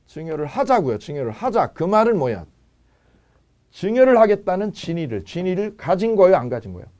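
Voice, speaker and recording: A man's voice: sits high, big pitch swings, fairly quick, darkish tone. A man teaching a law lecture for exam prep, firing rhetorical questions and repeating key phrases.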